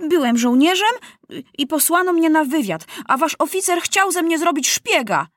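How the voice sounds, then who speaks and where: Brief: woman playing a plucky boy soldier, high and insistent, storybook, dry close sound. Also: big pitch swings, moderate pace, dry recording. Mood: bold. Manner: shouting defiantly. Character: brave stubborn young boy soldier.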